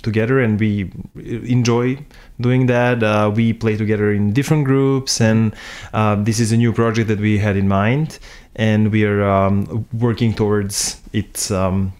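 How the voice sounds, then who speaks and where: A man from Serbia with a Serbian accent, chatting in measured, hesitant phrases as a musician guest in a living room interview. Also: lowish voice, fairly even intonation, darkish tone. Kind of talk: casual interview chat.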